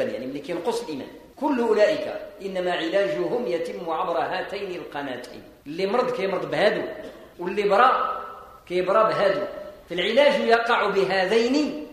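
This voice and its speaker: A man's voice: sits high, a bit bright. A man with a Moroccan accent preaching a sermon that explains scripture. He mixes formal speech with dialect and pushes his voice up on key points. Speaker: Islamic preacher. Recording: echoey hall with long reverb.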